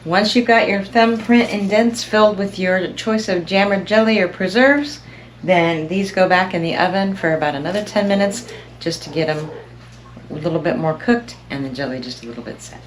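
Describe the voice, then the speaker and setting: A woman's voice: mid-range voice, normal speed. A middle-aged woman hosting a home baking video, chatty and upbeat as she talks straight to viewers. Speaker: baking channel host. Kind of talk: casual cooking demonstration. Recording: voice a little far from the mic, faint room noise.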